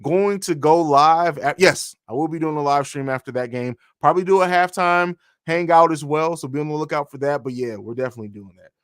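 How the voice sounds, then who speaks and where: A man's voice: a little high, brisk, hardly any pauses, a bit bright, smooth, no echo, clean studio sound. A man hosting a live stream, chatting casually and answering viewer comments with frequent fillers. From grew up in Italy and Germany. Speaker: podcast host.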